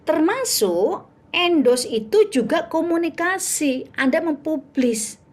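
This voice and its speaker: A woman's voice: high voice, takes it slowly. A woman teaching public speaking in an online workshop over a video call, acting out little sales dialogues as she goes. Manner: animated, acts out sales dialogues.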